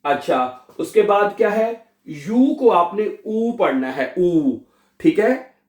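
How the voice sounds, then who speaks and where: Man teaching a language class, kinda high voice, keeps asking "theek hai?", echoey room. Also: expressive, darkish tone. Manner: drawn-out repetition, checks in with "theek hai?" constantly. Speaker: German teacher. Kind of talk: language lesson.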